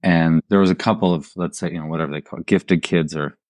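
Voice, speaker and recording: Speaking fast in a steady, low voice, a middle-aged installation artist raised in southern Germany chats informally as a podcast guest. He tells his stories conversationally, sprinkling in quoted dialogue, and the recording has no room sound.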